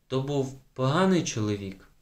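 A man voicing a stern, excitable old spinster schoolteacher who erupts in shocked outbursts in an audiobook. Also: medium pitch, moderate pace, close to an everyday voice. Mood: concerned. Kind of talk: audiobook character voice.

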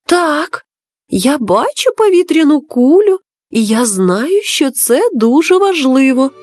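A magic talking seashell from a children's fairy tale, voiced by a woman with a thin, melodic tone. She speaks gently and dreamily, unhurried and calm. The voice rides high. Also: dry recording, clean studio sound, heavily acted. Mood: dreamy.

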